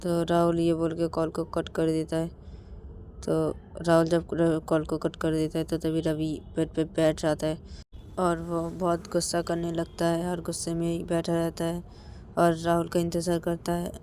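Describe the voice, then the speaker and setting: A woman's voice: lowish voice, completely flat delivery, moderate pace, warm tone, a little hiss or hum. A woman narrating a serialized romance story in a plain, repetitive way. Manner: plain, repetitive linking phrases.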